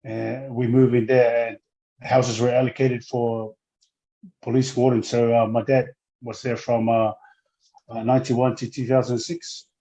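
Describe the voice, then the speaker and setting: A man's voice: mid-range voice, little pitch movement, unhurried, warm tone, rough recording. A man in his forties from Samoa, speaking in a casual interview as a guest, hesitant and full of fillers and restarts. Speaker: guest, former rugby player.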